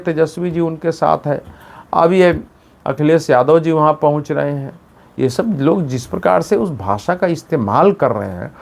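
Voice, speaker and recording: A middle-aged man, a senior journalist, giving an emphatic political commentary monologue, often correcting himself mid-word. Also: gravelly. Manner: emphatic, mimics slogans with rising pitch.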